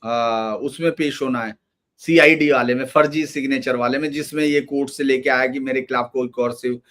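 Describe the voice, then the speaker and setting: A man's voice: medium pitch, steady tone, moderate pace, a bit bright, slight background noise. A man giving emphatic political commentary in a loose, run-on conversational manner.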